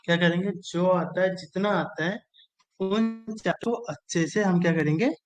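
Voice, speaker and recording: A man's voice: high-pitched, moderate pace, soft background music, low-quality recording. A man teaching an exam-strategy lesson, repeating key phrases again and again in a coaxing way. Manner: repetitive, drilling phrases over and over, coaxing.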